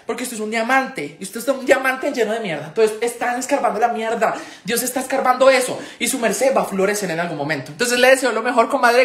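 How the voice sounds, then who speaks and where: A man's voice: extremely high pitch, fairly bright tone. A young man with a Colombian accent chatting on a live stream, theatrical and gushing, swearing freely. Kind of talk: casual live stream chat.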